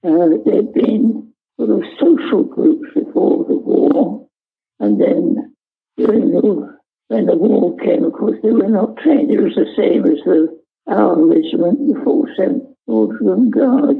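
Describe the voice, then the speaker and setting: An elderly man, a war veteran, remembering in an interview in a halting, understated, matter-of-fact way with searching pauses. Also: sits high, vocal fry, slightly rough, narrow, tinny audio. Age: elderly, 90s. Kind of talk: unscripted interview reminiscence.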